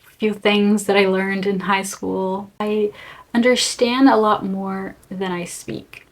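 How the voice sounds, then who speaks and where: Speaking Portuguese as her first language, this young vlogger from Brazil shares a candid personal reflection to camera in a mid-pitched, level voice. She is earnest and thoughtful, with halting, short phrasing, and the audio quality is poor.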